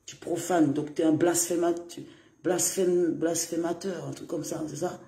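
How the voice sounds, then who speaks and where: Man, high mellow voice, loose chatty live-stream rambling in an echoey room. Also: fairly even intonation, moderate pace, vocal fry. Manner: rambling, chatty, laughs often, greets viewers. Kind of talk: casual live-stream monologue. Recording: roomy echo.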